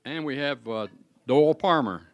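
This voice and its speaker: A man in his seventies emceeing a class reunion in a school cafeteria, calling raffle numbers slowly in a folksy, joking way. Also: fairly high pitch, lo-fi sound, slight background noise. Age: 70s. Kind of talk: casual event announcing.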